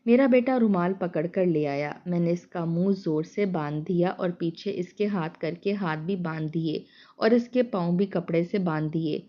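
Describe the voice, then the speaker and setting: A woman narrating a dramatic first-person story in a steady storytelling voice. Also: fairly low pitch. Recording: dull lo-fi sound.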